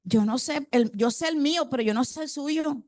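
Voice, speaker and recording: A woman's voice: high-pitched, moderate pace, a little mellow, no echo, studio quality. A woman preacher delivering a congregational sermon. She quizzes the congregation with rhetorical questions and repeats key phrases for emphasis.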